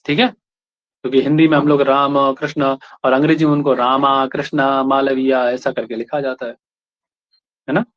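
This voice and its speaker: In a lo-fi classroom recording, an Indian man lectures with a medium-pitched, flat voice at normal speed, pausing often. He explains points and checks in with students through short questions.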